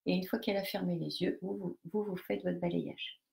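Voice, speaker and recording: This fairly low, slightly mellow female voice is steady and a little fast, with vocal fry. Leading a live group session, she explains a technique stepwise to participants, hesitating and restarting often.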